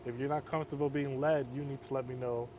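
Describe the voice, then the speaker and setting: This interview guest works as a halfway home counselor and speaks outside by the road in an easygoing conversation. His mid-range delivery stays calm and even, what he himself calls monotone.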